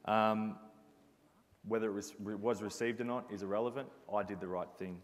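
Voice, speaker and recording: A man's voice: fairly low pitch, fairly even intonation, moderate pace. A man giving an earnest, reflective motivational talk as a former basketball captain. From Australia. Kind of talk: motivational presentation. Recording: reverberant hall sound.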